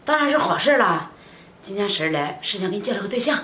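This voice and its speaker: An actress playing a middle-aged neighbor aunt who tries to make matches, speaking in a coaxing, persuasive way. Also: female voice, medium pitch, sing-song, quick pace, pushed and bright, a little hiss or hum. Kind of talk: short web drama acting. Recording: echoey room.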